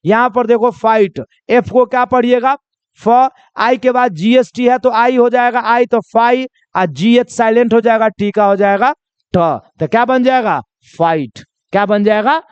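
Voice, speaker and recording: A man's voice: very high voice, fairly even intonation, a little slow, smooth, dry recording, muffled recording. A man teaching a spoken English lesson to students he calls children. He asks each question and then answers it himself. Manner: repeats questions and answers them himself, coaxing.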